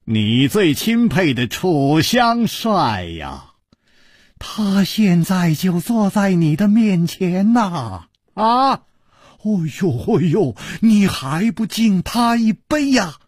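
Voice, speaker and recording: 一位男说书人扮演一个兴奋好客的东道主，说话拖长腔、连声感叹。. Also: male voice, lowish voice, husky, no echo, studio quality, full character voice. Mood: excited. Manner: excited, laughing, drawn-out exclamations.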